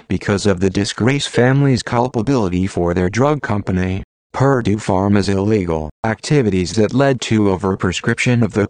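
A man's voice: on the low side, darkish tone, no echo. A computer-generated male voice like an old speech synthesizer, reading formal text as scripted narration with mechanical, stilted phrasing. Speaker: automated narrator of an audio series. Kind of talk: scripted read-aloud narration of formal texts.

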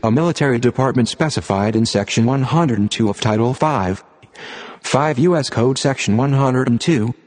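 A computer-generated man's voice reading formal text aloud as scripted narration, in an impersonal, measured manner. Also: medium pitch, a little mellow. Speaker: narrator of an audio reading series. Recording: long hall-like reverb.

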